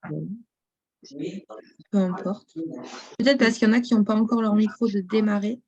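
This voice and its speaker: A woman's voice: mid-range voice, fairly even intonation, normal speed, darkish tone, dull audio. A woman presenting a travel booking platform in a live online demo, speaking straight to viewers and reading their chat messages aloud.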